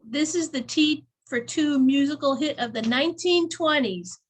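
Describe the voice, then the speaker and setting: A woman's voice: high voice, moderate pace. A woman co-hosting a casual local events chat, talking easily, laughing often and reading out event blurbs. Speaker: chamber of commerce co-host.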